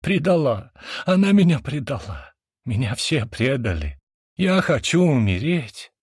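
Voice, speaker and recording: A man's voice: fairly low pitch, big pitch swings, moderate pace, breathy edge, no room sound, clean studio sound. A man doing a drunk, raging brother. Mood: sobbing despair. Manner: shouting, sneering accusations. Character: drunk furious young man, bitter betrayed brother.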